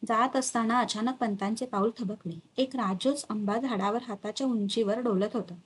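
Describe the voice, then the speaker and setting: A woman reading a historical novel aloud in a measured, dramatic storytelling manner. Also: a little high, husky. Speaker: narrator.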